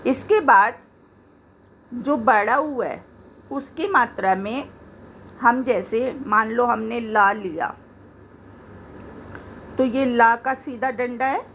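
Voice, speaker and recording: A woman teaching Hindi spelling, slowly and patiently saying each example word again to show how it sounds. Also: on the high side, a bit bright, slight background noise. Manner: slow, patient, repeats words to show pronunciation. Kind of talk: explaining grammar to learners.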